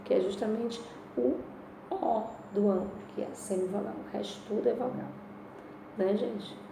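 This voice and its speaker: A woman's voice: mid-range voice, normal speed, vocal fry. A woman teacher with a Brazilian accent giving a remote Portuguese lesson, explaining step by step and asking and answering her own questions. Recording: echoey room with faint noise.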